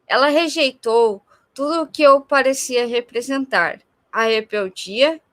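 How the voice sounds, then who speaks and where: Slow, bright-voiced woman reading aloud. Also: high-pitched, no echo. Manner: measured, careful reading. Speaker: reader on a livestream.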